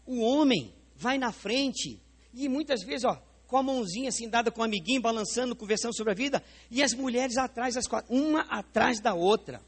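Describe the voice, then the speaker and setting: Husky, animated Brazilian pastor. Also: male voice, very high-pitched. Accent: Brazilian Portuguese. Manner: animated, questions the congregation directly. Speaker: pastor preaching. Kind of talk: sermon with live demonstration. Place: church sanctuary.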